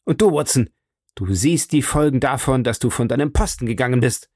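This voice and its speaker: A man reading an audiobook and voicing a sharp, commanding male detective, lifting his voice above his own and often dropping to a hushed whisper. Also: medium pitch, brisk, no echo, studio quality, voice pushed up, lightly acted. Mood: furious.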